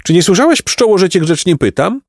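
A man voicing Jacek, a lazy young male creature in a storybook who coaxes and flatters in a sly, wheedling way. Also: high voice, fairly quick, dry recording, clean studio sound, pitched above the performer's own voice, exaggerated voice.

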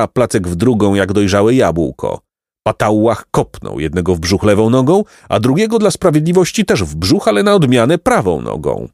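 A man narrating a children's tale in an expressive storytelling manner. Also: lowish voice, no room sound, clean studio sound. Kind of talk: audiobook reading of a children's tale.

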